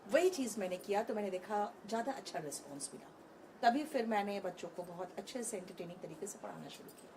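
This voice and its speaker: A woman's voice: medium pitch, animated, fast talker, noisy background. A woman in her thirties, an online English teacher, talking frankly and animatedly in an interview on a conference stage, mixing Hindi with English.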